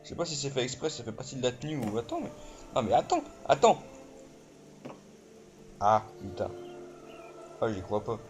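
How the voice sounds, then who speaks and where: An excitable man talking through his game session in loose let's play commentary, swearing often and stumbling over fillers. His voice sits in an ordinary middle pitch, with game music running clearly underneath. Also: normal speed, pauses often. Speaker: gamer.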